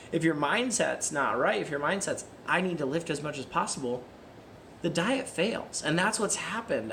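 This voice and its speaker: A man's voice: a little high, a bit bright, a little hiss or hum. A man giving a casual, earnest motivational vlog talk, often asking himself questions and answering them. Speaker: fitness vlogger.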